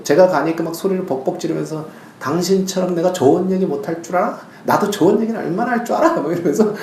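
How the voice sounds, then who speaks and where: A male pastor preaching a sermon, telling stories in an animated way and now and then crying out loud. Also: on the high side, gravelly, reverberant, slight background noise. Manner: animated storytelling, bursts into loud acted cries.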